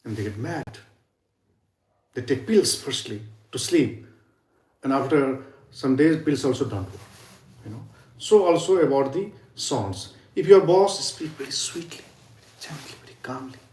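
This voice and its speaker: A man's voice: medium pitch, expressive, a little slow, long pauses, mellow, reverberant. A man giving an earnest spiritual talk on sound healing, often dropping to near whispers for emphasis. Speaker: yoga and sound healing teacher. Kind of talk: informal spiritual teaching talk.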